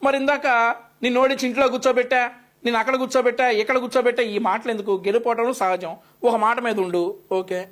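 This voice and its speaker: A man's voice: very high-pitched, fairly even intonation, fast talker, a bit bright. Sarcastic male news commentator. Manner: sarcastic, scolding rebuttal.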